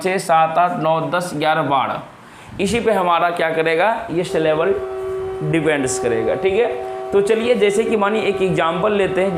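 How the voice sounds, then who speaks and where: Young adult male teacher, patient and repetitive; fairly high voice, roomy echo. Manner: repeats key words and asks rhetorical questions. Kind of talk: classroom-style explanation. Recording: echoey room with faint noise.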